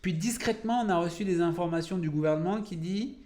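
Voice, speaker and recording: Speaking quickly in a high voice with a darkish tone, a young French cancer researcher is interviewed on a podcast. He lapses into English words and hunts for French ones.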